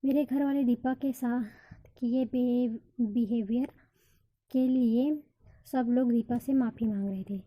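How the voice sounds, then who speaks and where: Slow, mellow woman storyteller. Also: a little high, fairly even intonation, poor audio. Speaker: story narrator. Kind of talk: scripted narration.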